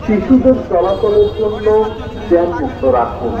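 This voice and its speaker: Man's announcement over an outdoor loudspeaker. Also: high voice, very animated, moderate pace. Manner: formal, repetitive, declaiming. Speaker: public announcer for local administration. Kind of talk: official public announcement. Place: outdoor hill market street. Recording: echoey distant loudspeaker, muffled, busy market crowd. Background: loud market crowd and vehicles.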